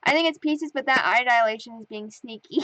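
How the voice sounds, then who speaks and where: High-voiced woman reading comments, laughing. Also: brisk, muffled recording, noisy background. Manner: animated, laughs often, reads comments aloud with playful voices. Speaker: webcomic artist reading comments. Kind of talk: casual chat.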